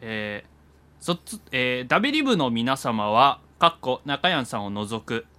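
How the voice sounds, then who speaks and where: A young man with a medium-pitched, bright voice hosts a casual amateur show. He reads listener messages aloud and comments on them conversationally. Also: big pitch swings, measured pace. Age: young adult. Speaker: co-host of an amateur radio show, reading listener mail. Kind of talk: casual chat and mail reading.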